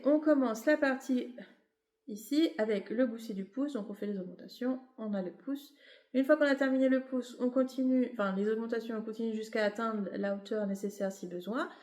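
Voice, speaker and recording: A woman's fairly high, slightly mellow voice echoes around the room. She's a knitting vlogger with a cold, a bit tired, chatting her way through a casual show-and-tell of her knitting, rambling with plenty of fillers and self-corrections.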